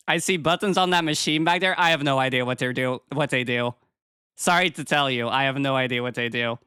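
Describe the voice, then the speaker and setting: A woman's voice: very deep voice, fairly quick, a bit bright, smooth, no room sound, studio quality. A woman with a cute, cheery anime-streamer delivery, chatting casually with viewers on a livestream as a VTuber.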